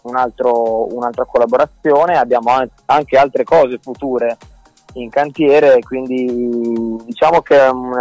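A man's voice: medium pitch, a little mellow, no echo. Easygoing man talking over the phone. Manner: easygoing, repeats words. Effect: heard over a phone line. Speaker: guest DJ and producer. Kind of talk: casual interview chat.

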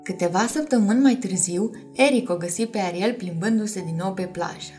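A woman's voice: mid-range voice, dark tone. Woman reading a children's storybook. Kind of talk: storybook read-aloud. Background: faint music.

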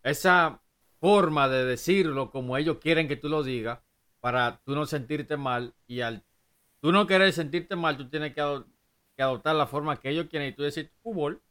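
A man's voice: on the high side, normal speed, fairly bright tone, clear, resonant tone. A man with a Dominican accent, co-hosting a casual podcast and arguing his point at length. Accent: Dominican Spanish. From Dominican Republic. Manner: argumentative, explains at length. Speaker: podcast co-host. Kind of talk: casual chat.

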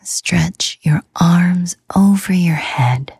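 Female sleep-podcast host; slow, soothing whisper, gravelly and mellow. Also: fairly low pitch, no echo. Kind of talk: whispered ASMR sleep talk.

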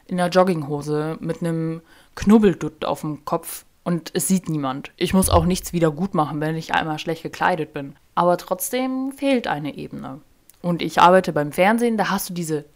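A young woman hosting her own podcast in a casual, chatty monologue, joking about herself and often leaving sentences unfinished. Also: fairly low pitch. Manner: chatty, self-deprecating, loses track of sentences. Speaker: podcast host. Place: sitting on her bedroom floor.

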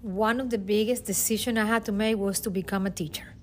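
A brisk, steady mid-range female voice comes through with slight background noise. She is a middle-aged teacher and guest from Venezuela, speaking with a Venezuelan Spanish accent as she gives an earnest, emotional testimony with frequent restarts.

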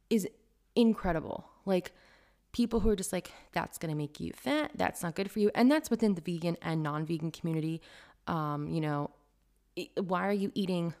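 With a medium-pitched voice, the young vegan food blogger rants to camera in a lively, casual way, filling her speech with "like."

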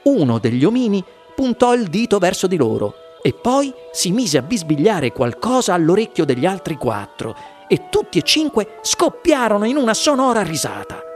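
A man reading a children's novel aloud on radio, with lively, animated narration. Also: high voice, normal speed, soft background music. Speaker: audiobook reader. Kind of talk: expressive storybook narration.

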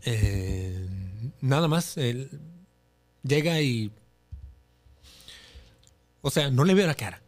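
A young man with a Mexican accent tells a personal story on a podcast. He talks in a lively way and acts out, with his own voice, the dialogue he remembers. His voice sits at a medium pitch. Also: very slow, long pauses. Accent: Mexican Spanish. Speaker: podcast guest, influencer.

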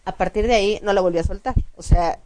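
A woman's voice: mid-range voice, quick pace. A woman, co-hosting a casual chat show and explaining points at length with frequent restarts. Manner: animated, explanatory, many restarts and fillers. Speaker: co-host.

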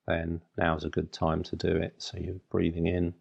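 Male meditation guide, very creaky and husky, unhurried short phrases, flat delivery. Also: sits low, muffled recording. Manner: soothing, unhurried instruction in short phrases with long pauses.

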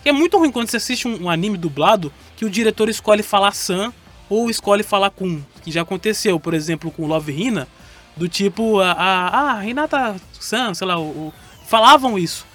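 A man's voice: high voice, lively intonation, moderate pace, fairly bright tone, faint music behind. A man with a Brazilian Portuguese accent hosting a casual podcast chat, rambling and correcting himself as he goes. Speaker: podcast host.

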